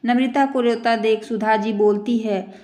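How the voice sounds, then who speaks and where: A woman narrating a family moral story in a plain, steady reading voice. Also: a little high, measured pace. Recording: echoey room.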